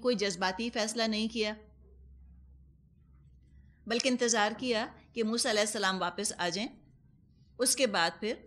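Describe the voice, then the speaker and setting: A woman's voice: mid-range voice, fairly bright tone. A woman with a Pakistani Urdu accent giving a Quran commentary lesson, explaining patiently with everyday examples and dropping English words into her talk. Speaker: Quran teacher.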